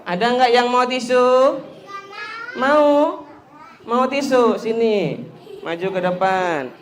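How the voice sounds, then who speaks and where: A man's voice: very high-pitched, slow, fairly bright tone, slight background noise. A man giving a playful talk to a group of children, teasing them and leading call-and-response chants into a handheld microphone. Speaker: children's speaker. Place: school hall with children.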